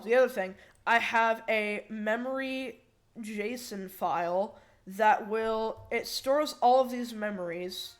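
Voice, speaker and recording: A woman giving a casual, rambling tech demo, with slightly slurred S sounds from braces and a bite plate. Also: medium pitch. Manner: informal, rambling, thinking aloud. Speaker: hobbyist programmer demonstrating a project.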